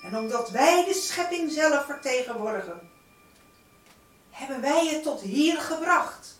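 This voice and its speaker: Slow, solemn high-voiced woman, echoey. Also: expressive. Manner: slow, solemn, incantatory, with sung and whispered phrases. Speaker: spiritual guide. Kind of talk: slow spiritual channeling address. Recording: echoey room, far from the mic, noisy.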